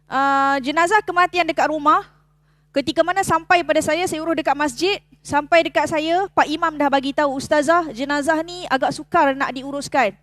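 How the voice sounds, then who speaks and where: A middle-aged woman with a Malaysian Malay accent teaches a class, her high voice recorded close and dry with almost no room sound. She tells stories in an animated way and acts out the other people's voices as she goes. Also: no room sound. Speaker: religious teacher leading a funeral-rites course. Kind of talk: storytelling lecture to a class. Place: mosque.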